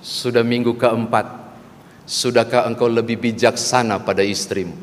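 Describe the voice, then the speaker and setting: Pastor telling a comic story in a church hall. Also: male voice, mid-range voice, fairly even intonation, moderate pace, a little hiss or hum. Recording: long church hall reverb, faint ambience.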